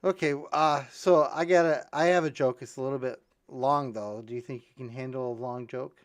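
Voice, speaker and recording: A podcast host tells a long joke in a rambling way, restarting it and jumping into high voices for the punchlines. He speaks in a steady tone at normal speed.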